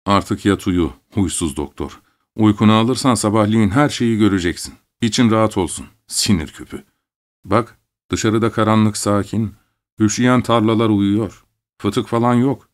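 A man's voice: fairly low pitch, normal speed, close to an everyday voice. A man doing a sly teasing inner voice. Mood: mocking soothing. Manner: teasing, singsong. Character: mocking inner voice of fear, sly and devilish.

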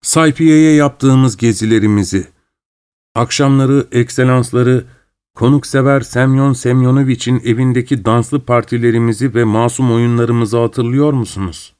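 A man reading an audiobook, voicing a fawning middle-aged widower who speaks in a shrill, affected, theatrical way. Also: fairly even intonation, normal speed, a little mellow, smooth, natural voice. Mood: gushing. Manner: gushing, theatrical, overly familiar.

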